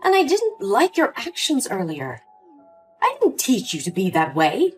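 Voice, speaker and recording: A woman's voice: fairly high pitch, huge pitch swings, measured pace, breathy edge, heavily acted. A woman voicing a cold, condescending older mother in a story drama, with faint music behind. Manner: cool, condescending.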